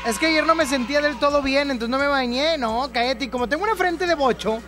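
A woman's voice: high-pitched, fast talker, background noise. A woman with a Mexican accent hosting a call-in radio show, playful and teasing, often laughing. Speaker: radio host. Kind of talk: casual call-in radio chat.

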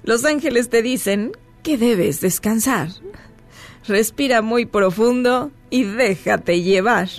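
A woman voicing a serene, soothing female spiritual guide speaking in rhyme. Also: a little high.

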